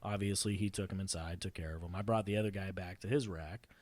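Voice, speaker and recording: A man playing a sweaty, excitable young sailor who rambles breathlessly through a story in an improvised comedy audio drama. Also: low-pitched, fast, no echo, close to an everyday voice.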